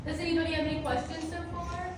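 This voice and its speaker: A woman guiding a cave tour, explaining things in a drawn-out, upbeat way to her group, her voice echoing through the cave. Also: very high-pitched, little pitch movement, slight background noise. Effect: cave echo. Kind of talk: guided tour talk. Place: inside a large cave. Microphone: far off from the filming camera. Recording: echoey cave from far off, tour group around.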